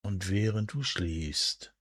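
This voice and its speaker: Very slow, low, breathy hypnosis man. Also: lively intonation, no echo. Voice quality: breathy, soft, at times near a whisper. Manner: soothing, hushed, deliberate, with drawn-out pauses. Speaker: hypnosis and relaxation guide. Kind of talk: guided sleep hypnosis, scripted narration.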